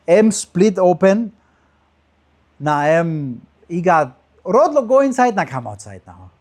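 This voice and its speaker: A man with a Papua New Guinean accent teaches from the Bible as a preacher in pidgin, in short repeated phrases that rise with emphasis and then trail off softly. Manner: emphatic rises trailing off into lower, softer phrase endings.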